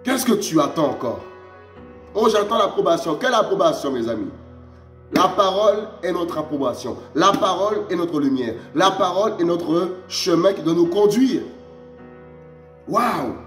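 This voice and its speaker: A man preaching a sermon with emphasis, firing off rhetorical questions and dropping low on each "my friends". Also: expressive, moderate pace, echoey room, soft background music. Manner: emphatic, repeats "mes amis" in a low drop; rhetorical questions, rising exclamations.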